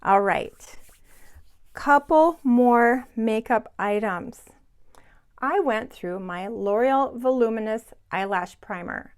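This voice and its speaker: Chatty woman in her sixties. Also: medium pitch. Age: 60s. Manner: chatty and enthusiastic, addresses viewers directly. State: sweating in the heat. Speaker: beauty vlogger. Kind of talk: casual product review chat. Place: home, hot room without air conditioning.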